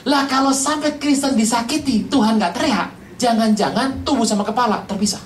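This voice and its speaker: A preacher giving a lively, humorous sermon, firing rhetorical questions and jokes at the congregation. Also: mid-range voice, fairly quick, a little hiss or hum. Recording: roomy, from a distance.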